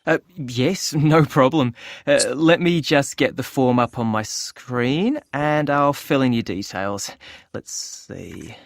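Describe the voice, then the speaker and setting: A man's voice: mid-range voice, slow, no echo, clean studio sound. An actor playing a friendly male club clerk who takes down details for a form in a scripted listening exercise. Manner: polite, asks form questions while typing. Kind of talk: scripted exam listening recording.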